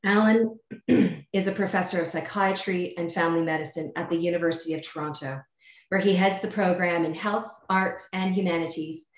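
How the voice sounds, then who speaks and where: Low-voiced woman host in an echoey room. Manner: measured, reading a prepared bio. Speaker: host and moderator. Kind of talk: formal speaker introduction. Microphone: video call.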